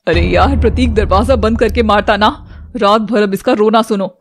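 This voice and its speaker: A woman voicing a callous, grumbling older mother-in-law in an animated serial. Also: medium pitch, moderate pace, noisy background, close to an everyday voice. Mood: annoyed.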